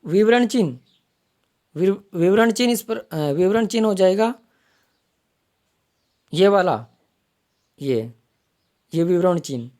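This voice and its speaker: A woman's voice: on the low side, expressive, takes it slowly, pauses often, mellow. A woman teaching an online exam-prep grammar lesson, explaining step by step and repeating each term as she points it out. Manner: explanatory, repeats terms while pointing them out.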